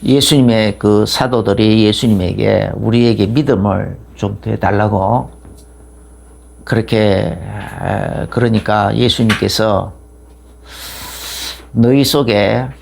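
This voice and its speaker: Gravelly-voiced pastor preaching a sermon. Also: male voice, fairly low pitch, takes it slowly. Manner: rambling with many fillers and restarts, growing fervent.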